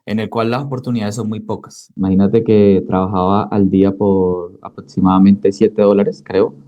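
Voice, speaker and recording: He sounds low and flat, moving at a moderate pace, and the audio is dull. The speaker is a Cali-born man in his twenties with a Colombian accent, a digital marketing entrepreneur chatting about his own story as a guest in an interview.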